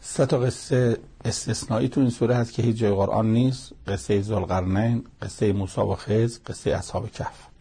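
A man's voice: fairly low pitch, fairly even intonation, warm tone, slightly rough. A man giving a Quran commentary talk, retelling the stories in a colloquial storytelling way, his voice rising at the outbursts. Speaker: Quran teacher.

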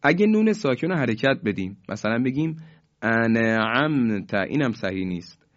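A man teaching a Quran recitation lesson. He explains the rules briskly, then stretches out each example word slowly and carefully. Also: mid-range voice, very animated. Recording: dull lo-fi recording.

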